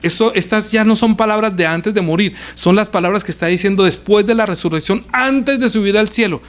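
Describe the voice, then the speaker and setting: A man with a high voice, speaking a little fast, preaches over a live stream, reading Bible passages and circling back to repeated phrases. He alternates forceful, loud emphasis with softer, hushed moments.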